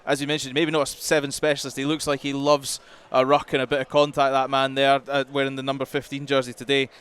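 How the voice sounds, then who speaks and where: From a commentary box at a rugby ground, a male co-commentator offers chatty, conversational analysis, his running explanations peppered with "you know." His medium-pitched voice is clear, resonant, and fairly bright, delivered fast and completely flat, with faint outdoor ground noise behind him.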